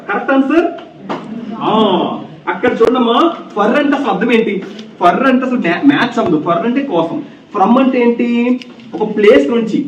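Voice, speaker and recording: A man's voice: very high voice, slight background noise. A male English grammar teacher in a classroom, repeating key points and firing questions at his students. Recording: echoey, distant, dull classroom recording.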